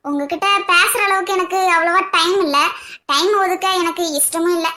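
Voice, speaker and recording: A woman's voice: very high-pitched, normal speed, pushed and bright. A woman voicing a bold young college student from a village in a cartoon, speaking bluntly and with self-assurance.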